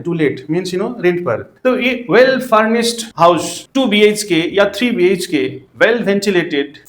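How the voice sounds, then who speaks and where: Male teacher with a high voice, explains step by step and slips English phrases into his lessons. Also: roomy sound. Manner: explanatory, repeats "that means, you know" often. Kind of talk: classroom lecture.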